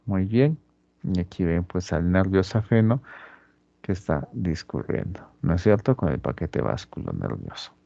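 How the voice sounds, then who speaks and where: A man with a gravelly, dark voice teaches anatomy at an unhurried pace, pausing often to check that his students are following. The sound is dry and a little muffled. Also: low-pitched, big pitch swings, no echo. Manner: slow and deliberate, checks in with students constantly. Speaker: anatomy instructor. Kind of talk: lecturing during a dissection demonstration.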